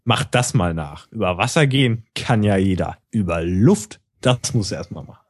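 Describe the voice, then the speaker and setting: A man co-hosting a casual podcast chat, teasing and sarcastic with an animated delivery. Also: fairly low pitch, normal speed, slightly rough, dry recording, studio quality. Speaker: podcast co-host.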